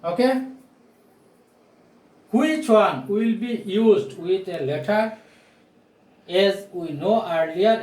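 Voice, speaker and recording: This is a forties-aged man, not a native English speaker, giving a grammar lesson at a whiteboard with a deliberate, projected delivery, repeated key phrases and rhetorical questions. His voice is high with a darkish tone. It's captured by a camera or phone mic several steps off in a small bare-walled room, so it echoes.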